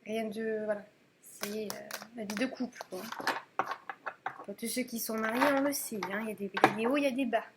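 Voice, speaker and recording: A woman's voice: a little high, fairly even intonation, brisk, very noisy. A woman giving a casual tarot reading to camera, chatty and hesitant, with many fillers and restarts. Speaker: tarot reader.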